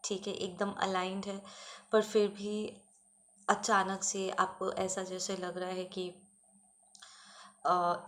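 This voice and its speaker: A woman's voice: mid-range voice, fairly bright tone. A woman reading messages to her viewers as a clairvoyant, in Hindi mixed with English, often checking in with "theek hai" and reading out letters and numbers one at a time. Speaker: clairvoyant reader. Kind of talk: channeled tarot-style reading to viewers.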